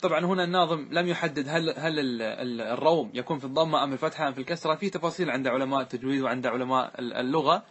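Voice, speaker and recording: A man's voice: medium pitch, rapid-fire, a bit bright, slightly rough. A man teaching a grammar lesson, asking questions and often checking that his students follow.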